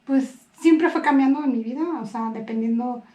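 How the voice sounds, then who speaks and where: A woman's voice: on the high side, fairly quick, echoey room. A young woman who grew up in Belgium, speaking as a guest in a casual chat, telling stories with energy. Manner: lively, storytelling.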